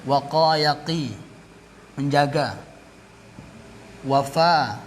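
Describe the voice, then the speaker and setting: Slow, deliberate male grammar teacher. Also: a little high, slight background noise. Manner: repeats terms, pauses, corrects himself. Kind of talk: classroom grammar lesson.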